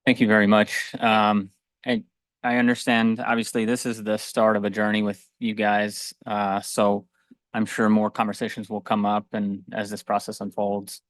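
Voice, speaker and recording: Low, flat-voiced man chairing a meeting. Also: moderate pace, no echo. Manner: formal, with frequent filler "uh". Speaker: school board president.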